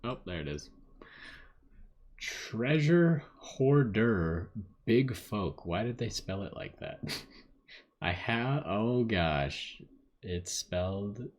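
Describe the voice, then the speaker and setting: A man's voice: low-pitched, lively intonation, slow. A man streaming a video game and giving laid-back commentary with wry asides. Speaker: gaming streamer. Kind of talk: casual gameplay commentary.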